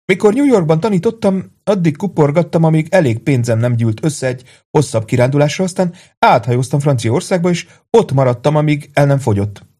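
A calm, wistful older gentleman speaks softly and sadly. A man reading an audiobook voices him. His pitch is lifted from the reader's own low register. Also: hardly any pauses. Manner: soft-spoken and wistful.

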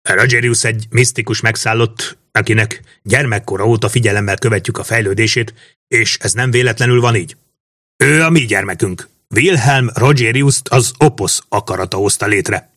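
A man voicing a scheming mage who lays out his plans in a measured, lecturing way, read as an audiobook. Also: on the low side, sharp tone, no echo, studio quality. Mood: cold, explaining. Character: scheming male mage, calm cold schemer. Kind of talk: audiobook reading.

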